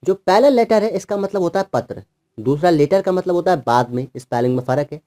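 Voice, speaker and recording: A man's voice: high-pitched, lively intonation, brisk, dark tone. A man teaching children English words, patiently spelling them out letter by letter in Hindi. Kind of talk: explaining word meanings to children.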